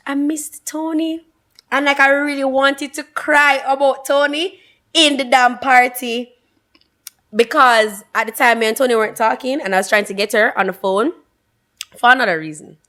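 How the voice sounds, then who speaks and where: Young woman, podcast co-host; casual, animated storyteller. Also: high-pitched, normal speed. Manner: animated storytelling, acts out quotes. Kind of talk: casual chat.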